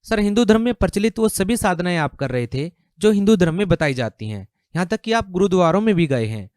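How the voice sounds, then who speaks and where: Male interviewer, high voice, formal polite questions, dry sound. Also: very animated, brisk, a little mellow, dry recording.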